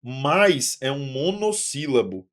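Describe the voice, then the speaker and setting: A man at an average pitch for a male voice teaches a recorded grammar lesson for an exam course. He sounds lively and chatty, keeps asking viewers if they follow along, and acts out their questions in his own voice. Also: takes it slowly. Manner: lively, talks to viewers as "senhoras e senhores" with tag questions; acts out student questions himself.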